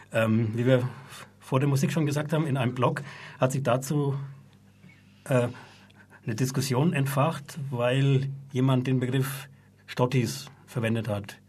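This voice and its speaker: A male radio host speaks from the studio in a slightly husky voice, at a middle pitch. He talks in a relaxed, conversational way, pausing on small fillers between phrases. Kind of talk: radio talk show hosting.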